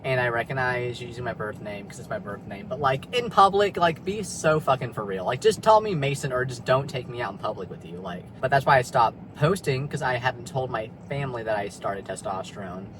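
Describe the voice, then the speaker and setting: A young man records a candid personal vlog in his car in a parking lot, talking a little fast with hardly any pauses in an expressive, medium-pitched voice. He rambles confessionally, swearing and filling with ums, against a noisy background.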